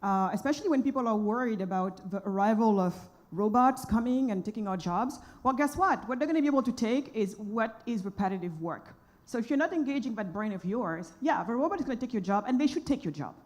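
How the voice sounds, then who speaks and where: A woman's voice: fairly high pitch, animated, fast, highs cut off. A woman from Senegal, an entrepreneur, speaking on a conference panel in a passionate, emphatic and outspoken way.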